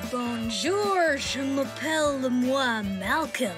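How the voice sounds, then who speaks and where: A woman's voice: high voice, expressive, heavily acted. A woman voicing a charming English exchange-student boy who speaks broken French with an English accent. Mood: polite. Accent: English, put on in French. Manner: broken French, slow and halting. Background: cartoon music.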